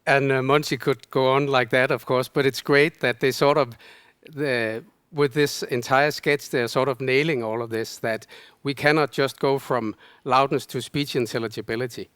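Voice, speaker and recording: Male presenter, measured technical explainer; dry, close sound. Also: medium pitch, fairly even intonation, a bit bright, clean tone, no echo. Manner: explanatory, measured, casual fillers. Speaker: conference presenter. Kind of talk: technical lecture.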